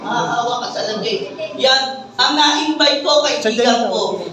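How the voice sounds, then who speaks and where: A man from the Philippines giving an animated motivational talk to an audience, acting out the dialogue as he tells his story. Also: very high-pitched, moderate pace. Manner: animated storyteller, acts out dialogue, laughs with the crowd. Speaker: speaker giving a testimony to an audience. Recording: echoey hall, mic from far off.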